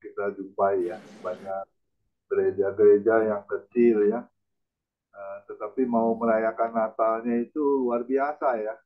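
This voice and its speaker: A man with a low voice speaking over a thin, phone-like line. He talks casually as the host of a church video call, tagging his phrases with a little "ya". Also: little pitch movement, a little slow. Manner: chatty, ends phrases with "ya".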